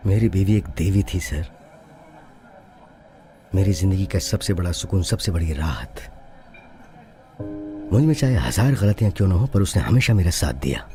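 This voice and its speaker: A weary older police officer, suspended and grieving his late wife, whose low, mellow voice turns mournful and tearful as he keeps calling his listener "sir". He sounds bitter and broken in this dubbed film drama, with a faint score underneath. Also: expressive, normal speed, pauses often, faint music behind. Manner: mournful, deferential, repeats "sir". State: tearful, voice breaking. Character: aging honest policeman, bitter grieving widower.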